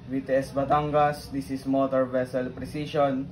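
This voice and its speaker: A man playing a ship's radio officer, speaking in measured, formal radio procedure. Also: medium pitch, flat delivery, close to an everyday voice. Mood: formal, steady. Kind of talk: formal scripted maritime radio exchange. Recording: very noisy background ambience.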